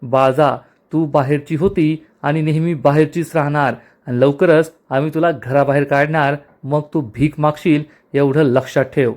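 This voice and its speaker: A man reading the lines of an angry, sharp-tongued woman in a TV serial recap, in a raised, mocking voice. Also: fairly even intonation, normal speed, natural voice. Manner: shrill, mocking.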